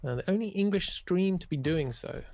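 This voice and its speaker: A man's voice: high-pitched, lively intonation, a little fast, gravelly, darkish tone, slight background noise. A man casting a live esports match in a wry, understated, polite way. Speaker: esports caster and event host. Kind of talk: live game commentary.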